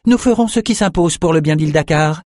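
A man's voice: a little high, fairly quick, a little mellow, no echo, clean studio sound, pitched above the performer's own voice, close to an everyday voice. A man reading an audiobook voices a haughty woman leader who issues threats. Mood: menacing. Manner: threatening, commanding.

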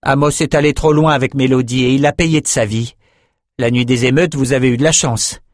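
A man's voice: mid-range voice, steady tone, a little fast, no echo, pitched above the performer's own voice, natural voice. A man putting on a proud young swordsman in a storybook reading, cutting and sarcastic, his voice raised well above the reader's own, recorded close and dry. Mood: defiant.

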